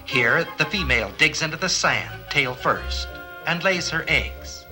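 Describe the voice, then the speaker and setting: With music underneath, a film narrator speaks unhurriedly in a fairly high voice full of lively intonation. His scripted educational narration is earnest and explanatory, often built around rhetorical questions, though the audio is poor.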